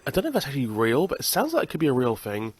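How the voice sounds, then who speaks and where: Talking very fast with huge swings in pitch, a young British man with a blocked nose narrates his gameplay in a casual let's-play. His mid-range voice is slightly rough, and he's chatty, swearing from time to time.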